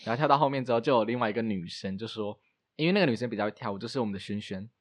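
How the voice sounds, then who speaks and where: Fast, animated young man. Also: lowish voice, no room sound. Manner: animated, fast storytelling with laughs. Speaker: podcast host. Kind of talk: casual chat.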